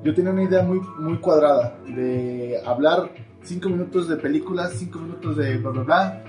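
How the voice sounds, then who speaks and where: A man's voice: fairly high pitch, moderate pace, a little mellow, faint music behind. A young man with a northern Mexican accent in casual podcast chat as co-host, blunt and slangy, swearing freely.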